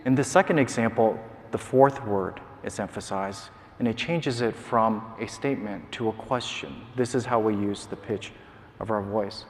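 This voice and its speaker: A man giving a measured, explanatory academic lecture in a large conference hall, with occasional filler sounds. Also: lowish voice. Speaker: scientist giving a prize lecture.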